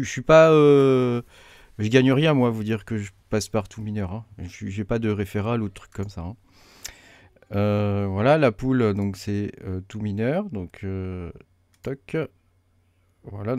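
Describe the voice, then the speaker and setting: Low-voiced man, relaxed screen tutorial, lots of "euh", dry close mic, keyboard typing behind. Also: no echo. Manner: hesitant, many fillers, thinks aloud while clicking. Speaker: crypto mining tutorial host. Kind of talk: casual screen-recorded tutorial.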